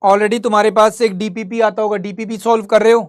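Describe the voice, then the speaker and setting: A man's voice: sits high, little pitch movement, a little fast. A man leads a history class in Hindi mixed with English, in a chatty teacher's voice. He keeps asking the students questions and then answers them himself, and he keeps the lesson moving at an easy, talkative pace. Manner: conversational, quizzing students and answering his own questions. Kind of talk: live online class lecture.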